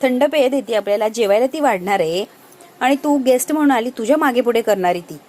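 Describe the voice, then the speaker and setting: A woman's voice: a little high, animated, a little fast, mellow, close to an everyday voice. A woman voicing a haughty, snobbish rich young woman speaking with scorn in a TV serial recap. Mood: scornful.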